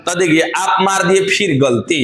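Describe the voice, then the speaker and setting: A man's voice: high voice, normal speed, a bit bright, echoey room. A man teaching grammar in a classroom lecture, repeating phrases and quizzing his students.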